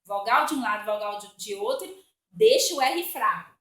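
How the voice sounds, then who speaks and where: A woman with a Brazilian Portuguese accent, teaching a recorded spelling lesson for children, patient and slow, repeating words to explain them. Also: mid-range voice, sing-song, fairly bright tone, roomy sound.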